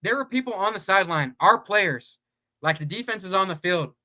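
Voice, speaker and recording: A man co-hosting a sports talk show, talking in an animated way, full of "like" and quick asides. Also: high voice. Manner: animated, says "like" a lot. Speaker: podcast co-host. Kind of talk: casual sports chat.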